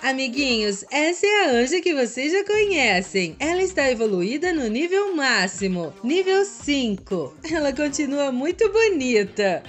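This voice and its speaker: A Brazilian woman hosting a children's gaming video with a bright, squeaky, sing-song, welcoming delivery, cheerfully addressing young viewers. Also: very animated, unhurried, few pauses. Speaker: host of a children's gaming channel. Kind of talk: cheerful kids' gameplay narration. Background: background music.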